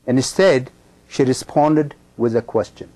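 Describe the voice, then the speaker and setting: A middle-aged man from Ethiopia delivers a sermon. He speaks in a measured, emphatic way, with frequent pauses and ums between thoughts. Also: medium pitch, warm tone. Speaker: pastor.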